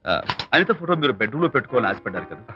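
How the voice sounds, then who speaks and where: A man's voice: mid-range voice, very animated, very fast, natural voice. A man playing an eager, charming suitor. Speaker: photographer and suitor. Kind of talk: film comedy dialogue. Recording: dull lo-fi film soundtrack with loud music.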